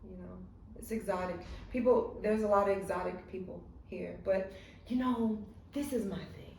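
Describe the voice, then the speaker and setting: A woman from the United States with a Southern American accent hosts a casual podcast conversation from a room in Dubai, talking emphatically and often checking for agreement. Her voice is medium-pitched, gravelly and darkish, at a moderate pace. The room is echoey, the mic distant, with faint noise.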